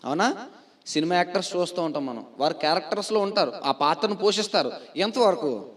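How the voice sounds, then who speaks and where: High-voiced preacher firing rhetorical questions. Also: male voice, lively intonation, fairly quick. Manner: asks rhetorical questions and repeats them, answering himself; swings between loud stressed lines and quiet asides. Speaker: pastor. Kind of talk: sermon.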